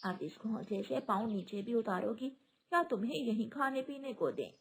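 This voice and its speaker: A woman's voice: on the high side, lively intonation, moderate pace, breathy edge. Woman playing a scolding old mother-in-law bird. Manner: scolding, sneering. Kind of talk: cartoon voice acting.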